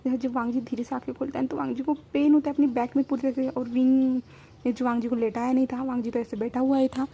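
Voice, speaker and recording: A woman casually retelling a fan story, full of repeated fillers, with a husky voice. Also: high voice, flat delivery, quick pace, warm tone, muffled recording.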